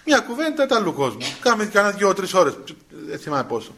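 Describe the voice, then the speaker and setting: A man's voice: high voice, huge pitch swings, vocal fry, fairly bright tone, a little hiss or hum. An older man with a Cypriot Greek accent, a priest giving a spiritual talk and telling a personal story in a chatty, colloquial way with small chuckles. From Cyprus.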